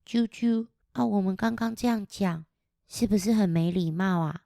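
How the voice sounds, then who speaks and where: A woman's voice: mid-range voice, normal speed, vocal fry, dark tone, no room sound, lightly acted. An earnest little bird from a picture book, played by a woman storyteller, chirping between phrases and repeating itself like a caring friend. The sound is dry. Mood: remorseful.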